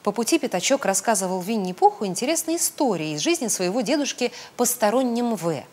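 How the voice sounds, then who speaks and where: A woman reading a children's storybook aloud, with expressive, sing-song storytelling. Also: a little high, brisk. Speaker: storybook reader. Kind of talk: children's audiobook narration.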